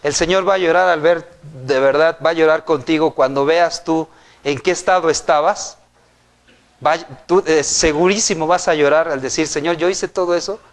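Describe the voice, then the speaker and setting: A man's voice: fairly high pitch, fairly even intonation, normal speed. A man with a Mexican Spanish accent preaching a sermon in a church, speaking conversationally and often checking in with rhetorical questions. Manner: conversational, asks the congregation frequent rhetorical questions.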